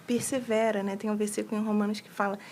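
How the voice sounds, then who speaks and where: A woman talking casually about faith, animated and slangy, acting out little quoted prayers. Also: medium pitch, fast talker, slight background noise. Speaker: guest on a faith livestream.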